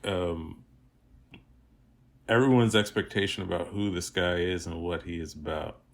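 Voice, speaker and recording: A man with a fairly low voice talks casually as a podcast guest. He is reflective and leans on repetition for emphasis. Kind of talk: casual film discussion.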